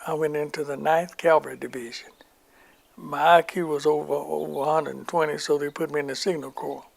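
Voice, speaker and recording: An older man recounts his wartime army memories in an oral history interview, rambling and acting out the voices of people he quotes. His voice is on the high side, flat, fairly quick, and marked by vocal fry.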